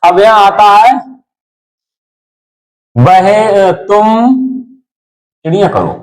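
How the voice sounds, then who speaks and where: Male teacher, high voice, unhurried delivery, classroom lesson, keeps checking students follow. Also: expressive, rough recording. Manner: explains step by step, often checking with "है ना?" and "ठीक है?". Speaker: English grammar teacher.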